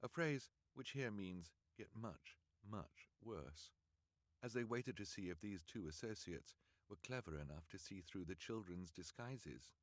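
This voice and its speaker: A man reading an audiobook aloud on a livestream, in an expressive, measured way. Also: sits low, no echo, clean studio sound. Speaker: audiobook reader.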